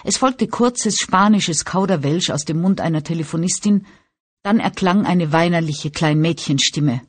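A woman narrating an audiobook in an even, steady storytelling manner. Her voice sits a little low and has a husky, breathy grain. The reading is scripted and composed throughout. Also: moderate pace.

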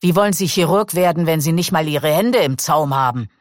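A man's voice: fairly high pitch, animated, moderate pace, no echo, studio quality, natural voice. A male narrator voicing a choleric middle-aged male surgeon who snaps harsh orders at his staff. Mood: angry. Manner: sharp, shouted outbursts.

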